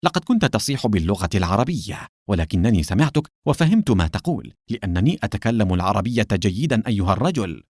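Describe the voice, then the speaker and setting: A man doing a sly, smug gentleman from an audiobook, coldly polite and smooth. His voice sits low and moves lively up and down. The sound is dry and close. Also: quick pace, hardly any pauses, no echo. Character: smug, sly older male collector and official.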